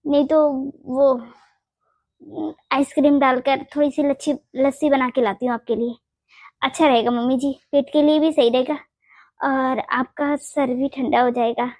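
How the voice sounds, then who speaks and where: Squeaky-high young wife in a cartoon, woman doing it, gentle and pleading, keeps saying mummy ji. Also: fairly even intonation, normal speed, dry recording. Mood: soothing. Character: young married daughter-in-law, gentle, tearful, eager to please. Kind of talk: Hindi cartoon voice acting.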